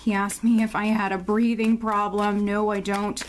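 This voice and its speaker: A woman's voice: medium pitch, level tone, moderate pace, a little hiss or hum. A woman giving a casual monthly tarot forecast. She is often out of breath and rambles, with many fillers and restarts. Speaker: tarot reader.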